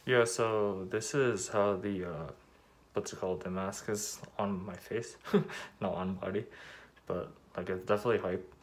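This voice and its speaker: A man's voice: deep voice, steady tone, unhurried. Man talking through a cloth mask. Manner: rambling, lots of fillers. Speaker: vlogger reviewing a product. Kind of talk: casual unboxing review.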